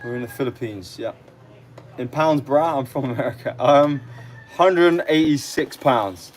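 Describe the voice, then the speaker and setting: Hosting a livestream, a young man with an accent from the London area chats easily as he responds to comments. He speaks at medium pitch and a normal speed. Ambient noise is clearly audible throughout the live stream.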